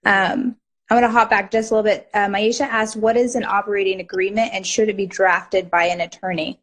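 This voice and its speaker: Hoarse woman hosting a live interview. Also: mid-range voice, steady tone, a little fast, fairly bright tone. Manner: chatty, affirming, summarizes the guest. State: hoarse from a lost voice. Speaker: host. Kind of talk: live interview, asking questions. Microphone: online video stream.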